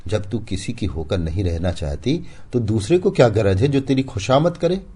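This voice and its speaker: A man's voice: mid-range voice, expressive, unhurried, dark tone, pitched above the performer's own voice. A man voicing a proud, hurt young village husband who speaks irritably and bitterly.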